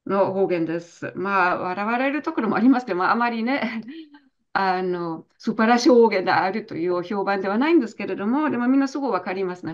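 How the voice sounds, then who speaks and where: Woman interpreting over a dull call line. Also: mid-range voice. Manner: hesitant, many fillers. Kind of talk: consecutive interpreting in an online talk. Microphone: video call.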